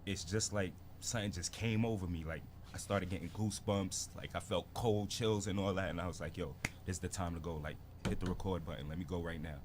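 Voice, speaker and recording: A man's voice: deep voice, steady tone, brisk, few pauses, background noise. A man from Barbados in his thirties, a rapper telling his story in a laid-back casual interview full of slang. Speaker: guest rapper.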